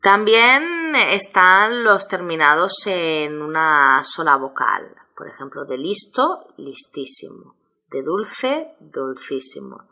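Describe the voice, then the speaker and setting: A woman's voice: low-pitched, pushed and bright. A woman teaching a grammar lesson, explaining step by step with many examples. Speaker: Spanish teacher.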